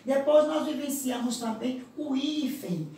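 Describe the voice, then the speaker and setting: Brazilian woman, primary teacher on a recorded lesson, patient and drawn-out, miked from a distance, faint hiss behind. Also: high-pitched, mellow. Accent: Brazilian Portuguese. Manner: slow, drawn-out example words, frequent "certo?" check-ins. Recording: echoey room, from a distance.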